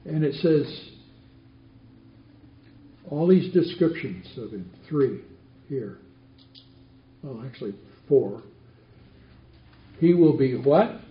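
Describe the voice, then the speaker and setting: A man's voice: medium pitch, lively intonation, slow, pauses often. A man teaching a Bible study class, asking the group questions and repeating their answers back. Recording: roomy, dull lo-fi recording.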